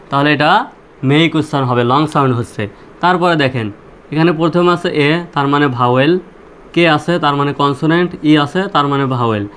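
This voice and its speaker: Man giving a slow, repetitive language lesson. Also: fairly high pitch, fairly bright tone, slight background noise. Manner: slow and repetitive, asking questions and answering them himself. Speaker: English teacher.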